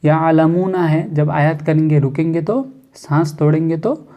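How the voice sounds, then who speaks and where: A man teaching Quran reading in Hindi-Urdu. He explains the rules for stopping in casual speech, then recites each verse slowly and draws it out. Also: on the high side, warm tone. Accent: Indian or Pakistani Hindi-Urdu. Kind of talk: slow step-by-step recitation lesson.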